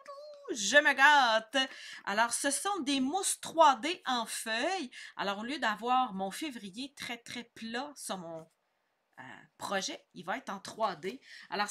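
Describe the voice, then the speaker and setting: Bright, chatty Québécois craft teacher. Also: female voice, on the high side. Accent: Québécois French. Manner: chatty, upbeat, explains each step. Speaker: scrapbooking instructor. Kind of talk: casual craft tutorial.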